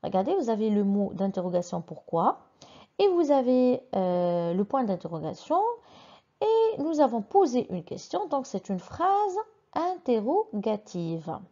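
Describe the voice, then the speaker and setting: A woman teaching a simple grammar lesson, patiently reading each example sentence twice with clearly marked question intonation. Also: fairly high pitch, big pitch swings, a little slow, warm tone, muffled recording. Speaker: French teacher.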